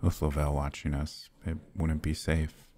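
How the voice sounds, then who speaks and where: With a rumbling low, monotone voice, a man plays a courteous, brooding, protective vampire lord in an intimate ASMR roleplay. He speaks gently and formally in a husky, halting way, his mood admiring and warm.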